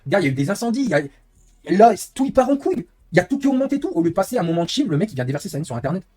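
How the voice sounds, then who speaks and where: Fast-talking husky young man streaming. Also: high voice, big pitch swings, warm tone. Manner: rambling, candid, quick, frequent "hein". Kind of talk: casual live-stream chat.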